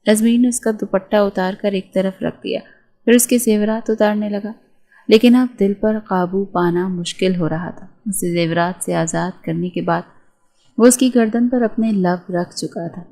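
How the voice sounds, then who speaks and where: A woman narrating a romance novel in a steady, measured reading voice. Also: medium pitch, low-quality recording. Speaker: storyteller.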